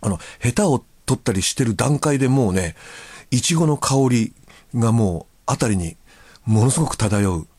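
A man's voice: medium pitch, animated, normal speed, a little mellow, slightly rough, dry recording. A male radio host chatting casually and reading listener letters, with a chatty, easygoing manner and frequent filler words.

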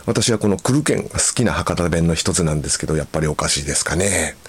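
Male radio host, low voice, lively up-and-down delivery, easygoing, soft fillers, studio mic. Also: quick pace, husky. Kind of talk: radio show, reading listener mail and chatting.

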